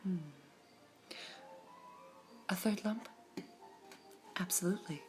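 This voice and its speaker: A woman whispering as Sapphire, calm and formal. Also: mid-range voice, slow pace, faint music behind, natural voice. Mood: serene. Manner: soft whispering, polite and composed. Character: calm, formal female gem serving tea. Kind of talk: ASMR roleplay.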